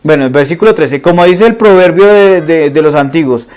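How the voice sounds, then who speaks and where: A Colombian man delivers a conversational sermon, moving between scripture reading and loose, slangy retellings of it. He keeps turning to the congregation with questions. His voice sits somewhat higher than most men's. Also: brisk, darkish tone, clear, resonant tone. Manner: reads scripture aloud, then retells it in casual slang. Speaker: preacher.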